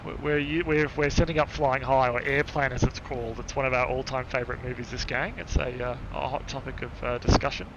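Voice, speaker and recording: A man's voice: mid-range voice, steady tone, brisk, few pauses. A man flying as a virtual pilot, mixing jokey, sweary gaming chat with radio calls. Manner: jokey, laid-back, sweary. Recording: dull audio with clear noise.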